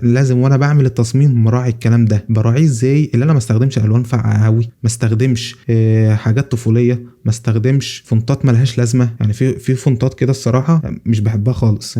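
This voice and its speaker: A man's voice: mid-range voice, warm tone. A man with an Egyptian accent teaching thumbnail design in a casual livestream, talking in a joking, conversational way. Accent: Egyptian Arabic. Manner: joking, conversational, fast with quick restarts.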